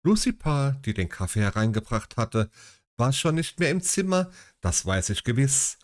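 A man's voice: mid-range voice, big pitch swings, normal speed. A man reading a classic detective story aloud, breaking in with mocking asides. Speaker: audiobook reader.

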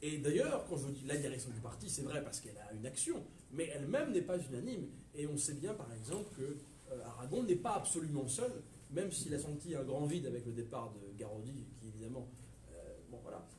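A man with a French accent giving a history lecture to a live audience, lively and digressive, with hesitations and asides to the listeners. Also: mid-range voice, a little fast, a little hiss or hum. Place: lecture room at a university research center. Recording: echoey lecture room from far off, faint ambience.

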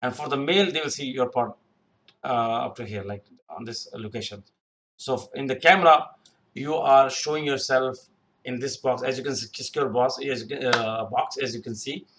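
A young man hosts a YouTube career advice channel, offering unscripted interview tips over a screen recording. His medium-pitched, fairly bright voice moves at a moderate pace as he rambles, repeats himself, and leans on lots of fillers. The sound comes from a webcam in the corner of the recording, in a small room.

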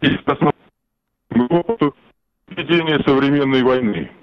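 A man speaking as a guest expert over a bad, breaking-up remote connection, in slow, deliberate, formal wording. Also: medium pitch, lively intonation, dry recording, soft background music. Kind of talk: measured expert commentary. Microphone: remote call link. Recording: muffled dry remote line.

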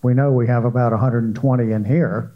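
A man's voice: mid-range voice, fairly even intonation, a little fast, narrow, tinny audio. An older man moderating a panel discussion in a conference hall, speaking into a handheld mic in a conversational way with frequent fillers.

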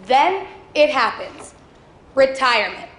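A woman's voice: sits high, big pitch swings, takes it slowly, a bit bright, a little hiss or hum, heavily acted. A woman playing a wistful ballplayer's wife. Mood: reflective. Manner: wistful, confiding. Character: long-suffering baseball player's wife. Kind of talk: stage monologue. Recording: echoey auditorium, faint ambience.

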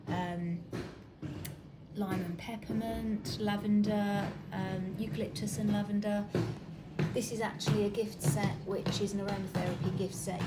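A woman showing customers around her small shop, chatty and relaxed with plenty of ums. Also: mid-range voice. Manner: chatty and relaxed, many fillers like um and uh. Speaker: shop owner giving a tour. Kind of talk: casual walk-through shop tour. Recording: echoey shop room with clear background noise.

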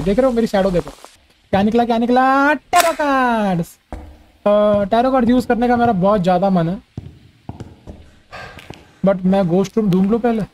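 A man's voice: sits high, slight background noise, rough recording. A young man giving jokey, easily frightened commentary while playing a horror game. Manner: jumpy, jokey, often shouting in fright. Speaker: gaming streamer.

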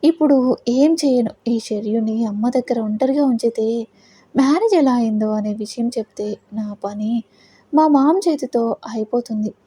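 A woman's voice: on the high side, moderate pace, mellow, husky. A woman voicing a cold, domineering young husband in a storybook audio drama. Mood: scheming. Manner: cold, commanding.

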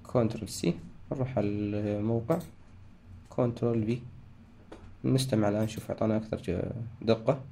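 Guy walking thru a tutorial, fast talker, bit of fry in the voice, keeps fixing himself. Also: lowish voice, warm tone. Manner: talks through steps, frequent restarts and self-corrections. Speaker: tutorial host. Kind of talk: screen-recorded software tutorial.

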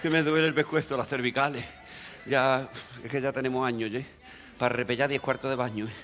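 A man telling a comic story in a stand-up monologue, acting out the dialogue quickly. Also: mid-range voice, steady tone, a bit bright, soft background music. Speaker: stand-up comedian.

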